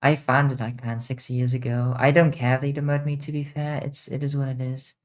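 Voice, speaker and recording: On a laid-back stream, a young streamer whose accent mixes international influences fields questions from chat, swearing readily and speaking bluntly. She has a rumbling low voice that is a little mellow and level in tone.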